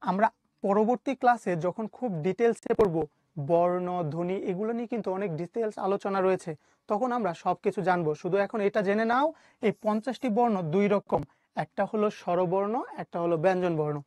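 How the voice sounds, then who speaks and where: A woman teacher with a Bangladeshi Bengali accent teaches an online class. She asks her students a question, waits a beat, and answers it herself. Her voice sits at a middle pitch and sounds dry and close, with no room around it. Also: brisk, a little mellow, no room sound.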